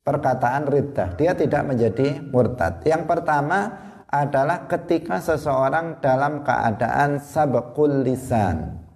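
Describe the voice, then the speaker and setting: Gravelly-voiced man teaching religion. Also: mid-range voice, slow pace, a little mellow. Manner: explains step by step with examples and rhetorical questions. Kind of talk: Islamic study lesson.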